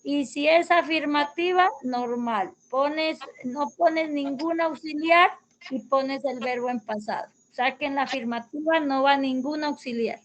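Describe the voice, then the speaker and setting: A woman's voice: sits high, a little slow, poor audio. A woman teaching English grammar over a video call, explaining patiently step by step. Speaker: English tutor.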